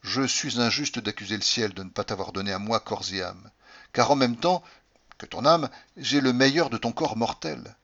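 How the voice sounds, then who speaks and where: A man reading aloud and voicing a composed, formal English gentleman who speaks calmly and deliberately, husky-voiced. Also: medium pitch. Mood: impassioned. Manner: calm, unflappable, formal. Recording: dull lo-fi recording.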